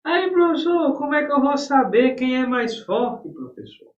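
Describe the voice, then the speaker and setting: A man's voice: very high-pitched, animated, moderate pace, voice pushed up. A man voicing an eager, puzzled adult student who keeps pressing the teacher with insistent questions. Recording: echoey room, distant dull mic.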